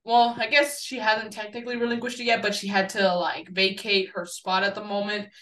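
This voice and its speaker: A woman's voice: medium pitch, level tone, fairly quick, fairly bright tone. A young woman with a slightly nasal, sniffly voice from a cold, chatting informally as a podcast host. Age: young adult. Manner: chatty, informal, swears casually. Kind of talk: casual fan chat about wrestling. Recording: echoey room, distant from mic.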